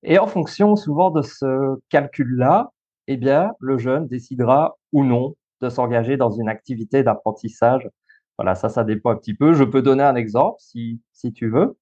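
A Belgian man of thirty, speaking with a French accent, is a guest on a podcast interview, where he works as a school coach and social worker. He explains ideas in an easygoing way, laughing easily and often pausing on fillers or restarting sentences. His warm, slightly rough voice sits at a medium pitch, and the audio is a bit dull and lo-fi.

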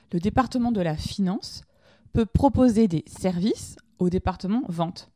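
A woman's voice: mid-range voice, mellow, no room sound. Woman explaining in a dry close voice. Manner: conversational, addresses listeners directly with questions. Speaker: podcast host teaching lean management. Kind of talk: informal explanatory lesson.

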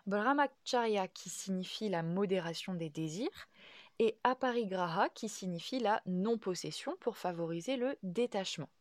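A woman hosting a podcast, explaining in a calm, measured way with frequent hesitations. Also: fairly low pitch, dry recording, studio quality. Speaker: podcast host, yoga teacher.

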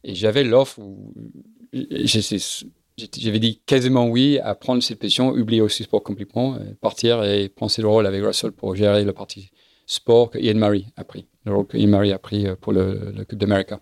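A middle-aged man with a low, gravelly voice, speaking in a halting way as he hunts for words and repeats himself. He talks as a guest in a casual interview, recorded dry and close with no room sound. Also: steady tone, dry recording. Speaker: guest, sailing event business founder.

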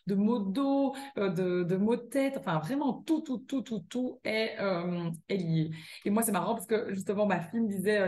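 A woman's voice: medium pitch, darkish tone. A woman with a Belgian French accent, a guest author and yoga teacher chatting casually in an interview, with many fillers and restarts.

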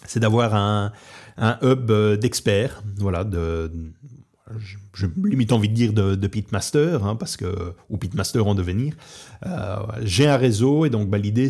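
Un homme originaire de Belgique qui parle de son projet de barbecue dans un podcast décontracté, avec beaucoup d'hésitations et de « euh ». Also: male voice, on the low side, mellow. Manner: hesitant, many fillers and restarts. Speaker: podcast host and barbecue trainer. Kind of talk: casual podcast talk. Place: Portugal.

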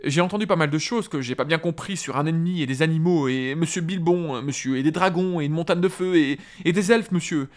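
Timid young hobbit gardener, read by a man: high, shaky, excitable, pleading. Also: fairly quick, hardly any pauses, lightly acted. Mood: eager.

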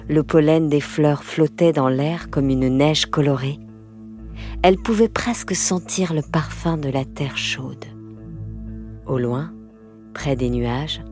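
A woman narrating an audiobook in a slow, measured storytelling manner. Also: deep voice, a little mellow. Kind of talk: audiobook reading. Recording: music playing behind.

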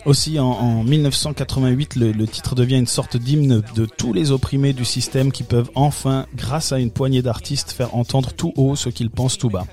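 A man's voice: mid-range voice, steady tone, normal speed, few pauses, a little mellow. French man, mid voice, casual radio film chat, hesitant, light music bed. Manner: hesitant, many fillers and restarts.

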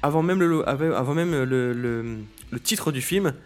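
A man's voice: mid-range voice, moderate pace. A man hosting a podcast in casual solo talk, hesitant, with many fillers and restarts. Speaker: podcast host.

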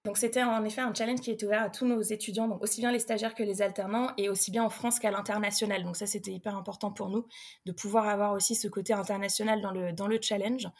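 A woman's voice: medium pitch, flat delivery, quick pace. A young adult woman, a recruitment specialist, answering interview questions in a casual, hesitant way with many filler sounds.

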